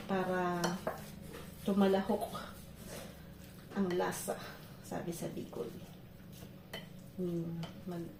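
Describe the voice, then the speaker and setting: Cooking at home for her vlog, a Filipina woman chats in a relaxed way and frequently laughs through her stories. Her voice is fairly low, and the echoey kitchen adds heavy background noise and loud clatter.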